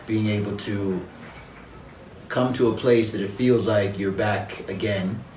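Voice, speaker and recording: A man from Jamaica, a guest in an interview, speaking in a measured, reflective way with frequent pauses and fillers. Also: lowish voice, fairly even intonation, darkish tone, echoey room, far from the mic, a little hiss or hum, low-quality recording. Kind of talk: conversational interview.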